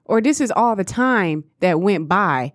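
A woman's voice: medium pitch, animated, unhurried, no room sound, studio quality. A woman co-hosting a casual podcast who listens closely, reacts and asks follow-up questions. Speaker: podcast co-host. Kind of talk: casual chat.

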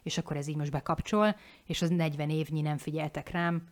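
A woman in her forties speaks candidly on a podcast with a voice that sits low. She's frank and animated, swears casually and restarts her sentences.

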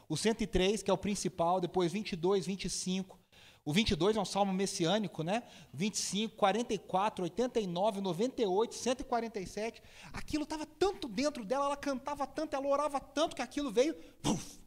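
A man preaching a sermon, telling stories lively and imitating people with sudden high shouts.

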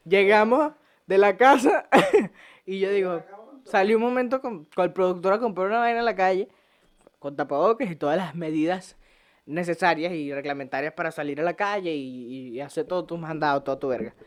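A man's voice: high-pitched, moderate pace. A young man with a Venezuelan accent hosting a casual podcast, telling stories with lots of swearing, jokes and laughter. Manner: profane, joking, laughs often. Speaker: podcast host. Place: home podcast set.

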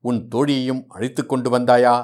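A man's voice: mid-range voice, level tone, normal speed, a little mellow, close to an everyday voice. A man reading aloud voices a mocking young man who teases a shy bride.

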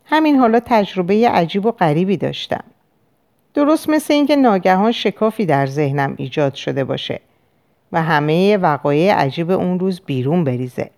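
A woman's voice: sits low, darkish tone. A woman reading as a hesitant male patient. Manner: hesitant, halting recollection. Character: anxious middle-aged male banker patient.

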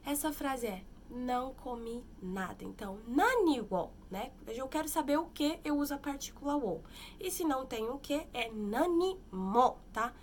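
A woman teaching a casual language lesson, explaining patiently and slowing down to model each phrase. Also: sits high, expressive, a little hiss or hum. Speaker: Japanese teacher. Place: lives in Japan.

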